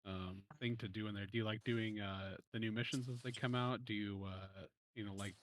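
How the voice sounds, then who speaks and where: A man's voice: lowish voice, fairly even intonation, moderate pace, no room sound. A man co-hosting a podcast, asking interview questions hesitantly with many fillers. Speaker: podcast co-host.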